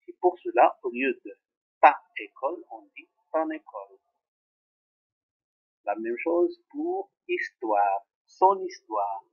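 Slow, sing-song male teacher, tinny sound. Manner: slow, repeating examples, very lively pitch. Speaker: French teacher. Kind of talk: grammar lesson for pupils.

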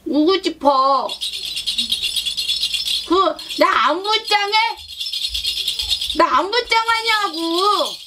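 A woman's voice: very high voice, expressive, extremely slow, long pauses, loud music behind the voice, exaggerated voice. A woman shaman voicing a sulky, demanding child spirit that whines, pouts and coaxes with repeated tag questions. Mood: whiny pouting. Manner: whiny, pouting, coaxing with repeated tag questions. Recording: loud noise with rattle.

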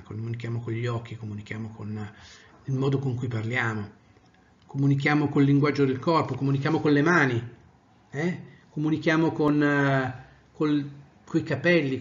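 A male trainer giving an animated lecture, swinging from loud to soft to demonstrate tone. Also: medium pitch, lo-fi sound. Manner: animated, varies volume widely, demonstrates tones of voice.

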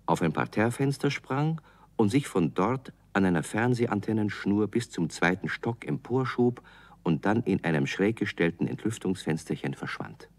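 A man narrating a children's radio play in a calm, measured storytelling manner. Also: on the low side, no room sound.

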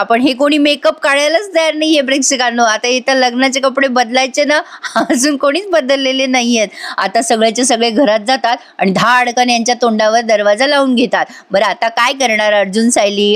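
A woman's voice: a little high, normal speed, hardly any pauses. Chatty woman recapping a serial. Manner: chatty, addresses viewers directly, acts out quoted lines. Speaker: episode recap narrator. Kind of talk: casual serial episode recap.

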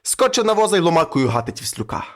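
A man's voice: very animated, fast. Ukrainian man telling a folk tale. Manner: acts out characters with shifting pitch. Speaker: narrator.

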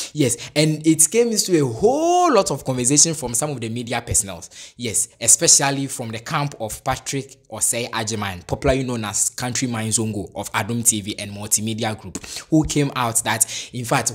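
A man with a Ghanaian English accent hosting a solo sports news commentary, often saying "yes" and restarting his sentences. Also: medium pitch. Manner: repetitive, punctuates with "yes", frequent restarts, chuckles. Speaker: sports channel host.

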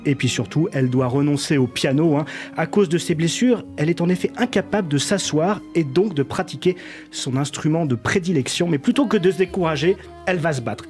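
A man tells an artist's life story on the radio, leaning on a habitual "hein" as he goes. His voice sits a little high for a man. Soft music plays under him. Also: animated, a little fast. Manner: frequent filler "hein", storytelling delivery. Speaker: radio columnist. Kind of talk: scripted radio segment.

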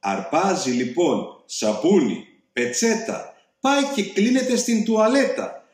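Male storyteller, animated sing-song rhyming read; very echoey room. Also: sits high. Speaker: reader.

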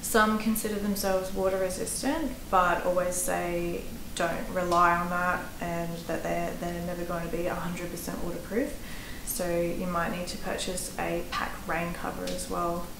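An Australian hiking vlogger in her thirties gives casual, practical gear advice to camera from a small room, chatty and full of fillers. Her lowish, creaky voice barely moves in pitch, holding a moderate pace with hardly any pauses, amid roomy echo and faint background noise.

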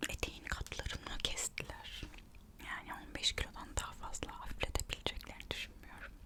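A storyteller whispers an ASMR narration, reading aloud and adding gossipy, musing asides. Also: a little fast. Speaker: ASMR host narrating royal history.

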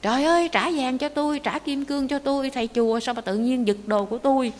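A woman voicing a wealthy middle-aged man who begs and shouts in search of happiness. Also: medium pitch, expressive, moderate pace, in a large hall, natural voice. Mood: panicked. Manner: pleading, then frantic shouting.

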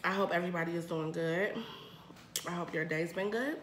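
An American woman in her thirties talks casually to camera between bites, with plenty of slang. Her voice sits fairly low with a bright, forceful edge. The room is echoey. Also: fairly even intonation, fairly quick. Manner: slangy, talking between bites of spicy noodles. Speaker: mukbang vlogger. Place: indoor room at home. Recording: roomy echo, clear background noise.

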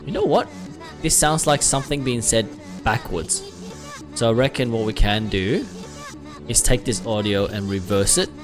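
A man's voice: lowish voice, animated, normal speed, over music. A man in his thirties giving casual, sweary commentary on a horror game, sounding scared and jumpy. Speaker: video game streamer. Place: indoor room at home. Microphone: close desk microphone, wearing headset.

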